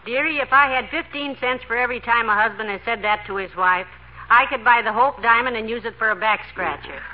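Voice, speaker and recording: An actress playing a sensible, dryly skeptical housewife in a 1940s radio comedy, on an old recording. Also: female voice, on the high side, a little fast, dull audio, background noise, natural voice. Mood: wry. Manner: dry, patient, wry.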